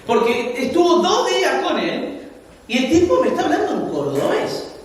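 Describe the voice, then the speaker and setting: A young adult man with a Uruguayan accent preaching a sermon as pastor, telling stories with animated, laughing asides. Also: extremely high pitch, normal speed. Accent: Uruguayan Spanish. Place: church hall. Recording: echoey hall, mic far off.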